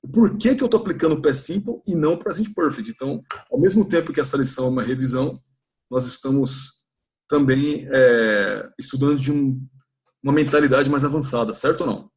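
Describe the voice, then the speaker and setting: A man with a Brazilian Portuguese accent teaching an English lesson in a church classroom, stretching out model phrases slowly for students to repeat. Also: medium pitch.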